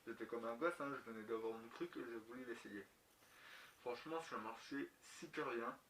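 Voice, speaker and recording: A medium-pitched, fairly bright voice at a moderate pace belongs to a motovlogger reviewing gear. He speaks casually and unscripted, slangy and colloquial, with a few mild swear words. The recording is echoey, with clicks and distinct background noise.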